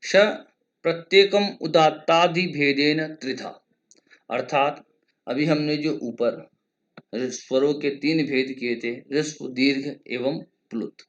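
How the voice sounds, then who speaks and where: A male lecturer teaching Sanskrit grammar in a measured, explanatory way, stretching vowels to show their lengths and chanting grammar rules slowly. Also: fairly high pitch, highs cut off. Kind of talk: exam-prep grammar lesson.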